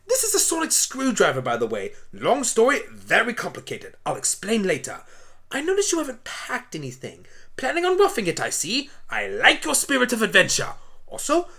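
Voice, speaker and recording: A man's voice: very high voice, huge pitch swings, normal speed, vocal fry, bright, forceful tone, full character voice. A man playing an eccentric, chatty time-travelling alien pony doctor with a rambling manner in an amateur radio play. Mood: breezy, chatty. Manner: rambling, self-satisfied, breezy.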